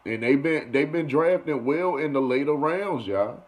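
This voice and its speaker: A man's voice: on the high side, lively intonation, normal speed. A young man running a casual sports commentary vlog, talking loosely and repeating himself with "you feel me" and "you know". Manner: loose and conversational, repeats phrases, keeps saying "you feel me". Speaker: sports vlogger.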